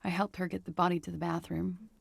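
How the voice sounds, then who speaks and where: A gravelly, guarded young woman. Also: on the low side, little pitch movement, dry recording, heavily acted. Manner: measured, weary confession. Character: guarded, frightened young woman hiding from pursuers. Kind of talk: video game voice acting.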